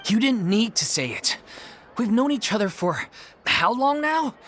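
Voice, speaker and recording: A man's voice: high voice, very animated, a little slow, a bit bright, full character voice. A man voicing a worried, earnest theatre troupe leader in a video game. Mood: pleading. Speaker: troupe manager. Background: game music.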